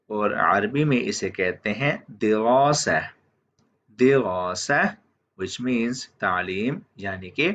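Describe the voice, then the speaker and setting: A man teaching vocabulary, who says each word and then says it again slowly, often checking in with "theek hai". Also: on the low side, fairly bright tone. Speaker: language teacher. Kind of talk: slow vocabulary lesson. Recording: dull lo-fi audio.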